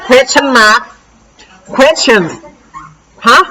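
Thai woman teacher, slow drilling delivery, bright tone, coaxes pupils to repeat. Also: high-pitched, some chatter behind, rough recording. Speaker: English teacher. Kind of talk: explaining a worksheet to young pupils.

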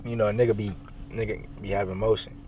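A man's voice: fairly low pitch, little pitch movement, fast, a little mellow, slight background noise. A young man vlogging on a handheld phone camera, with laid-back, slangy banter. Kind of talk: casual vlog chat. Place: out and about in a city, then a casino.

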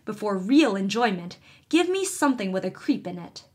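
A woman's voice: medium pitch, sing-song, moderate pace, darkish tone, lightly acted. A woman voicing a jovial farmer uncle who teases and asks for a creepy story.

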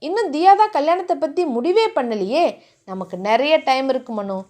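A woman voicing a jealous, scheming young rival who talks bitter and sharp. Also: high voice, big pitch swings, normal speed.

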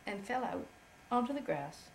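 A woman's voice: mid-range voice, sing-song, normal speed, creaky. Mother with a cold telling a story. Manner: gentle, laughing between phrases. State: has a cold. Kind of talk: improvised storytelling to a child. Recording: echoey room, faint noise.

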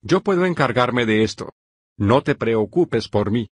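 A man's voice: medium pitch, lively intonation, unhurried, breathy edge, no echo, clean studio sound. A man voicing a heroic protective grown man in a synthetic fanfic reading, commanding and reassuring.

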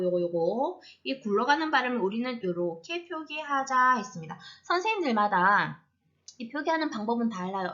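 A woman teaching English phonics in a slow lesson, patiently repeating each word several times. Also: fairly high pitch, sharp tone, muffled recording. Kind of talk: slow classroom-style lesson.

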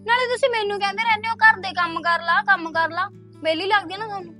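A woman's voice: extremely high pitch, quick pace, music in the background. A young woman acting a bold, defiant daughter who talks back with sass in a short film. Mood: complaining. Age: young adult. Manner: sassy, argumentative. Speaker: teenage daughter.

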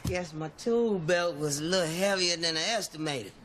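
A man's voice: a little high, moderate pace, natural voice. Sitcom buddy, wisecracking man, played by an actor, slangy and breezy, noisy soundtrack. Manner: slangy, jokey street talk. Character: wisecracking easygoing man, joking his way out of trouble.

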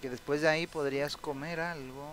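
Young guy doing casual let's play commentary, kinda high voice, reads game text out loud, lots of aww reactions. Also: fairly even intonation, a little fast, a little hiss or hum, low-quality recording. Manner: chatty, reads game text aloud, frequent sympathetic exclamations. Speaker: gameplay commentator.

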